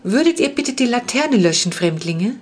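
A woman's voice: mid-range voice, moderate pace, lightly acted. A woman reading a storybook, voicing a polite half-vampire boy of noble blood who speaks in formal, courtly, old-fashioned phrases. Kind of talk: audiobook reading.

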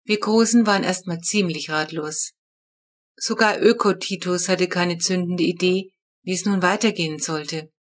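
Woman, lower voice, audiobook narrator, lively children's story reading. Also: normal speed.

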